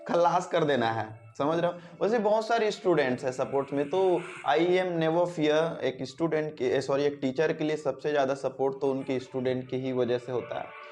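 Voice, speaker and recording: A man's voice: on the high side, normal speed, darkish tone. A man teaching spoken English in a chatty lesson, who keeps asking his listeners whether they follow. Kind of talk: informal video lesson. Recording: echoey room with music behind.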